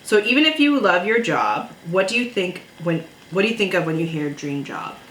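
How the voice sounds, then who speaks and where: A woman from Canada chatting casually over a meal, relaxed and easygoing. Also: lowish voice, brisk. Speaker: co-host. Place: indoors at a table. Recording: echoey room, faint noise.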